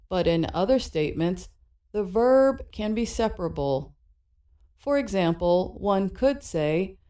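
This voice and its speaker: A woman narrates an English lesson in a scripted, teacherly way. She speaks very slowly, and her pitch rises and falls a great deal. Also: darkish tone. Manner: slow, clear teaching delivery.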